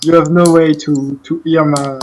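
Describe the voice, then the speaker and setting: A man with a French accent, a guest on a gaming podcast, speaking haltingly with many fillers. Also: on the high side, level tone, darkish tone, a little hiss or hum, low-quality recording. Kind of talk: casual gaming podcast chat.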